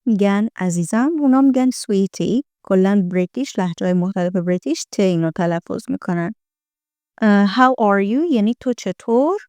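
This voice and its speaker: A woman teaching English from film lines, repeating each line slowly in an American accent and then explaining it. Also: mid-range voice, lively intonation, a little mellow, clean tone, no echo.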